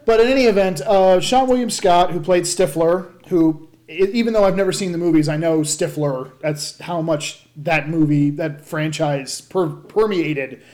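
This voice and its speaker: Casual movie podcast host, woman, lowish voice, chatty recaps with fillers and laughter. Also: moderate pace, hardly any pauses, darkish tone. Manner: recaps plot with frequent fillers and self-corrections; laughs often. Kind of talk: casual movie review chat.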